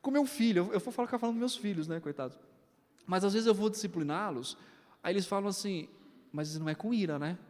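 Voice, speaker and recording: A Brazilian man in his thirties, a pastor preaching a sermon, telling family stories and acting out their dialogue in a lively way. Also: high-pitched, quick pace. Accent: Brazilian Portuguese. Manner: animated storytelling, acts out family dialogue. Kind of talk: sermon with personal anecdotes. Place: church sanctuary, indoors. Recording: long reverb of a church hall.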